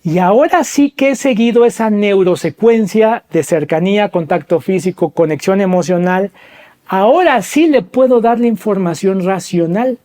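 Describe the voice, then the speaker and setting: A man's voice: normal speed, warm tone. A man hosting a podcast, telling a story and asking the listeners rhetorical questions as he explains. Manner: acts out quoted voices with pitch jumps. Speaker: podcast host.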